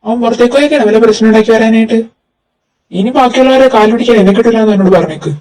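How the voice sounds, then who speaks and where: A woman's voice: a little high, rapid-fire, mellow, lightly acted. A woman voicing a tired middle-aged father in a fan audio drama, grumbling about his overwork. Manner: grumbling complaints about work. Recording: distant mic with faint music.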